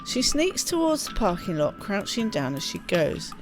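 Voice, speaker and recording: A woman hosting a let's play reads the game's story text aloud with feeling, dropping in casual, spontaneous asides while she plays. Her medium-pitched voice swings widely in pitch at a moderate pace, with game music behind her.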